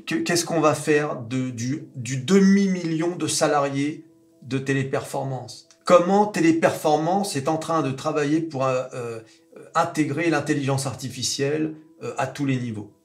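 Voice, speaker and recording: A man's voice: mid-range voice, reverberant. A man hosting off-the-cuff financial commentary, emphatic and insistent, repeating key phrases. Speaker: host commenting on financial news clips.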